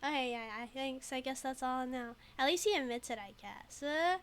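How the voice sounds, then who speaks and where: Her voice high-pitched and brisk, with a little hiss or hum on the audio, a rambling, giggly streamer comments casually on her game. She's a native Mandarin speaker raised in the United States from a very young age, and her American accent carries just a faint foreign tinge.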